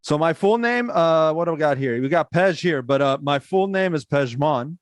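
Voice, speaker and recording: Chatty young podcast host guy, upbeat, laughs a lot, highish voice, dry close sound. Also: animated, normal speed, dry recording. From Iran. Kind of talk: casual podcast chat.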